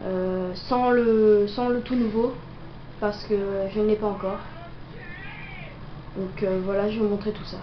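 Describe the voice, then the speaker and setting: A young woman who makes gameplay videos improvises commentary while sick with a cold, coughing along the way. Her mid-range voice is steady and measured, and she pauses often, sounding hesitant and full of fillers. The audio is roomy, dull and lo-fi, with noise.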